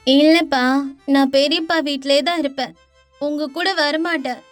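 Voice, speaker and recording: A woman voicing a spirited young woman who scolds her parents indignantly and firmly in an animated cartoon dub. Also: sits high, normal speed, no echo, faint music behind, lightly acted. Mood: pleading. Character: spirited young woman, righteous and defiant daughter.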